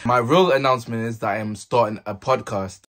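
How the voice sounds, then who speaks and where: A man's voice: mid-range voice, brisk, very noisy. Young man with urban roadman slang. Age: young adult. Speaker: vlogger. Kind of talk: casual chat to camera. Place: small plain bedroom, indoors. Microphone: handheld earphone-wire mic.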